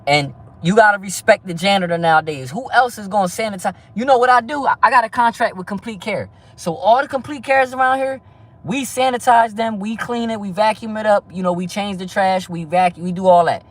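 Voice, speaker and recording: A fast-talking man in his thirties from New Jersey, chatting loosely on a live stream. His voice sits a little high for a man, and he peppers everything with street slang and "you feel me.". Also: distant mic. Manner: fast, loose street talk, constant "you know what I mean". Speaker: livestream host. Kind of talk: casual live-stream chat.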